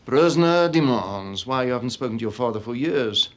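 An actor voices a smug, menacing police interrogator who mocks in a cool, bureaucratic tone. The delivery is brisk, expressive, and lightly acted, in a medium-pitched male voice.

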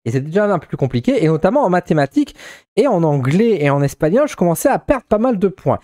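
A man's voice: sits high, very animated, quick pace, dark tone, no echo, clean studio sound. A shy young man with a Ch'ti accent, from northern France, chatting casually in a vlog with many hesitant restarts. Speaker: vlogger.

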